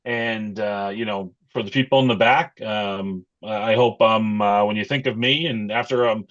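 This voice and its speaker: A middle-aged man talking casually as an interview guest, in a halting, thoughtful, conversational way. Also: fairly low pitch, steady tone, fairly bright tone, dull audio. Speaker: interview guest, pro wrestler and wrestling coach.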